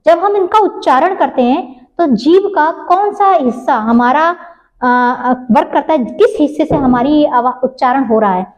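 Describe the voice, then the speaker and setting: A woman with a high voice teaches a grammar lesson in a patient classroom way. She asks the class questions and answers them herself, goes over each point again slowly and draws out the sounds she is demonstrating. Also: a little mellow, rough recording.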